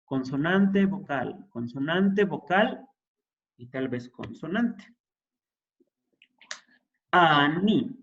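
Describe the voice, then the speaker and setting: A man's voice: on the high side, expressive, very slow, long pauses, a bit bright, highs cut off. A man teaching an introductory Hebrew class, explaining patiently and checking in with his students. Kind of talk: classroom lesson.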